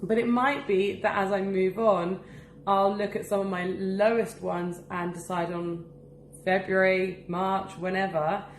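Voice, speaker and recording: A woman's voice: medium pitch, little pitch movement, unhurried, roomy sound, slight background noise. A woman chatting casually and cheerfully in a daily vlog at home, laughing often. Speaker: vlogger and business owner. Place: at home, indoors.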